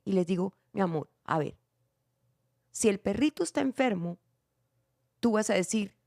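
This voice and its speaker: Gravelly-voiced animated woman podcast host. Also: mid-range voice, normal speed, no room sound, studio quality. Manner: animated, acts out quotes with shifting voices. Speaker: podcast host and church theater director. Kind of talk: casual family podcast chat.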